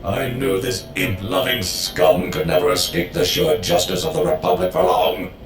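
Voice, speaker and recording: A man voices a patriotic military droid from a video game, very low in pitch. It speaks in grand, formal, melodramatic phrases. The sound is echoey, with music clearly playing behind it. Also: monotone, moderate pace, natural voice. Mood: earnest, melodramatic. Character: bombastic, fiercely patriotic male war droid. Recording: roomy echo, clear music underneath.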